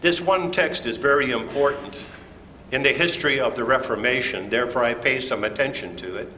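A pastor giving a communion sermon in a church, preaching in a slow, deliberate and emphatic way. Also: male voice, mid-range voice, sharp tone. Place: church sanctuary. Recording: echoey church hall with faint room noise.

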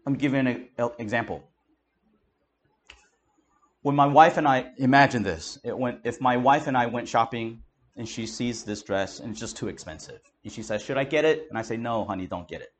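A man's voice: medium pitch, normal speed, slight background noise. A man preaching, explaining Scripture verse by verse in an emphatic, conversational way. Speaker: pastor. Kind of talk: expository Bible teaching.

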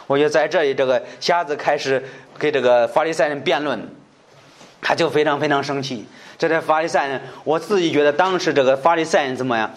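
A man's voice: on the high side, brisk. A male preacher expounding a Bible passage, repeating himself with many fillers and frequent rhetorical questions.

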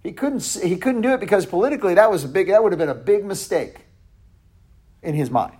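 A man teaches a Bible study in an easygoing, conversational way. He stumbles and corrects himself as he goes and sometimes drops to a near hush. His voice sits a little high for a man. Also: lively intonation, fast talker, slightly rough.

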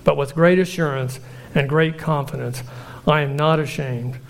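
A man delivers a sermon in a slightly high voice. He speaks earnestly and at a measured pace, drawing out lists of phrases for emphasis. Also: steady tone, gravelly. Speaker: preacher.

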